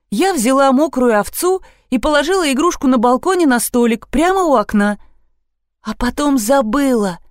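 Narrator: woman, higher voice, expressive reads, dry close mic. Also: no room sound. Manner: lively, animated character reading. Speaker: audiobook narrator.

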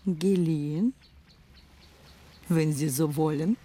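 A woman's voice: low-pitched, takes it slowly. A worldly, wistful woman of the past. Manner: hushed, often whispering, wistful. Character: worldly woman recalling a lost lover. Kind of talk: radio play acting.

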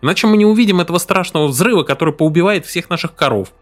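A man's voice: fairly high pitch, lively intonation, very fast, faint music behind, voice pushed up, natural voice. A man voicing a young boy, eager and blunt, in a story reading.

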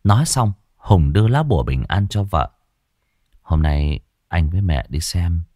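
A gentle young husband on leave from the army, as a male storyteller plays him, speaking low and consoling. His voice is very deep, with a lively pitch, recorded dry and close. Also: unhurried, no room sound. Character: gentle young soldier husband, sad and patient.

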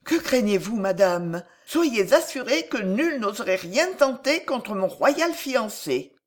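A narrator voicing a young royal fiancée speaking softly and confidingly in an audiobook reading. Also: sing-song, takes it slowly. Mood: reassuring. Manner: low, confiding.

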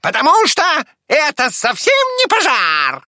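A man voicing a cheeky, excitable male parrot with shrill, drawn-out exclamations. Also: no echo, clean studio sound, heavily acted. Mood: excited.

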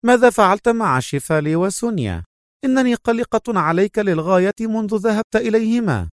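An anxious young female agent, as a man puts her on, pitched far up into a thin, strained register with wide leaps in intonation. Each line sounds dry and close, with no room around it. It plays like a storybook heroine who worries about her partner. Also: lively intonation, brisk, no echo. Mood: worried.

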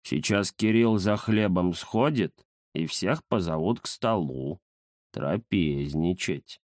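A man voicing a fat, lazy, pompous ginger tomcat who grumbles slowly and self-importantly. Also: lowish voice, lively intonation, a little mellow, dry recording, studio quality. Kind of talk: audiobook character voice.

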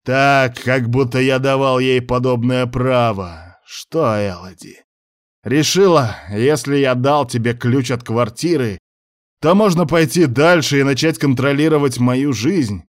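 A male reader voicing a drunk, furious young man who snarls and shouts crude insults. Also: mid-range voice, measured pace, voice pushed up, natural voice.

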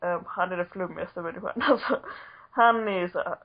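Chatty young woman on dull old recording. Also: lowish voice. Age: 20s. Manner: chatty storytelling with frequent fillers and laughs. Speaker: podcast co-host. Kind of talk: casual chat.

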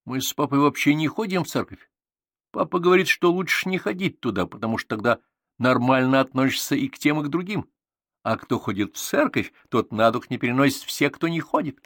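A man voicing an indignant, scrappy schoolboy in an audiobook, with heated, shouted outbursts. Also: mid-range voice, fairly quick, no room sound, studio quality, pitched above the performer's own voice.

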